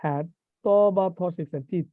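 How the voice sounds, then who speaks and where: A man leads an IELTS class over a tinny, phone-like call with a dry sound. His voice sits high and he teases his students as he explains. He mixes English terms into casual speech. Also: steady tone, normal speed, dry recording. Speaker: IELTS teacher. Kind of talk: live online class.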